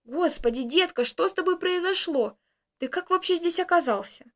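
Hoarse old village granny, fussy and soothing, high voice, woman putting her on in a storybook. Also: expressive, moderate pace, a bit bright. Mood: fussing, soothing. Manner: fussing, soothing. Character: kindly old village grandmother.

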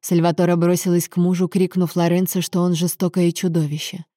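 A woman reading a novel aloud as a narrator, with even, measured storytelling. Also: fairly low pitch, dry recording, studio quality. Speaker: audiobook narrator. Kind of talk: scripted narration.

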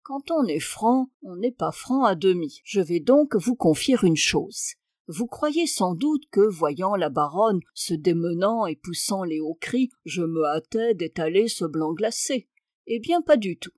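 A woman reading a literary novel aloud with measured, wry storytelling. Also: medium pitch, animated, darkish tone, dry recording, clean studio sound. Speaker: audiobook reader. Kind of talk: literary narration.

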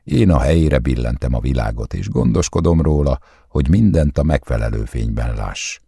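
Man playing a possessive talking wine: coaxing, intimate, husky. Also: very deep voice, expressive, warm tone, no echo, studio quality, full character voice.

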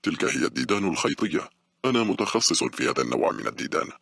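A man voicing a shy but smug grey-haired male worm scientist in an audiobook, gentle and lecturing. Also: low-pitched, very animated, racing, gravelly, dry recording, studio quality, full character voice. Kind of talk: audiobook character reading.

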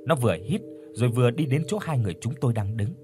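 A man's voice: medium pitch, animated, fast, darkish tone, soft background music. A man narrating a horror story in a dramatic storytelling manner.

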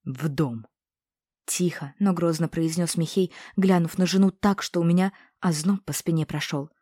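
Female audiobook narrator, calm and even, mellow tone, dry close recording. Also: on the low side, normal speed, no room sound. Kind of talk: first-person audiobook narration.

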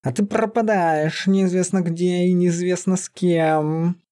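A man reading an audiobook, voicing a gruff, short-tempered male beastman warrior with a slow, heavy growl. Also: high-pitched, fairly even intonation, mellow, voice pushed up. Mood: irritated.

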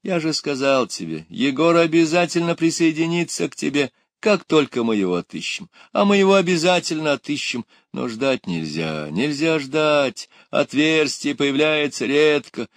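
Guy doing a bossy older leader, urgent, pitched up and loud, dry audiobook sound. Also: sing-song, moderate pace, hardly any pauses, dry recording. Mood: urgent coaxing. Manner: urgent, pleading then ordering. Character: commanding older male leader, coaxing but insistent.

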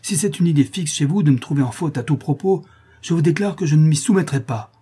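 A man's voice: medium pitch, fairly quick, mellow, slightly rough, close to an everyday voice. A man reading a storybook, voicing a proud, defiant young woman of twenty-five with a haughty, cutting manner.

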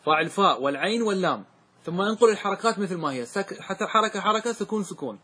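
A man's voice: high voice, expressive, very fast, pushed and bright, husky. A man teaching a grammar lesson in a classroom, quizzing his students and having them answer back. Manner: questioning, drills students in call and answer.

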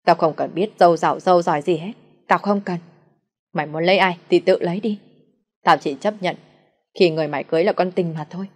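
A woman with a low voice reading the lines of a stern, quick-tempered middle-aged father who rebukes his son. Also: fairly even intonation. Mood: enraged.

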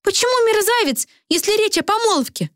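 A woman voicing a fussy, worried young woman who scolds her friend in a shrill tone in an audiobook. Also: expressive, normal speed, a bit bright, no echo, studio quality. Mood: indignant.

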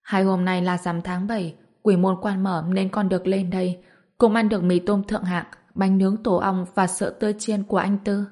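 A woman's voice: medium pitch, flat delivery, brisk, a little mellow, lightly acted. A woman narrator voicing a young woman's ghost who coaxes her mother sweetly in a storybook reading. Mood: gentle. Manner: sweet, coaxing.

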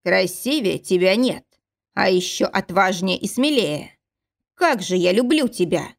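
A woman voicing a calm, teasing ancient man who speaks slowly and softly. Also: mid-range voice, gravelly. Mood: tender, teasing.

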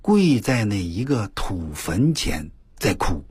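An older man on the radio telling a story in a folksy, animated way, full of exclamations and drawn-out emphasis. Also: fairly low pitch, over music. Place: radio studio.

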